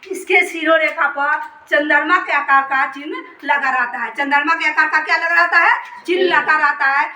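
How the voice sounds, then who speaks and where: A woman teaches children a grammar lesson, asking questions and then answering them herself while repeating the key terms. Her voice sits high, and the echoey room adds a hollow ring. She sounds set back from the microphone. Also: sharp tone, distant mic.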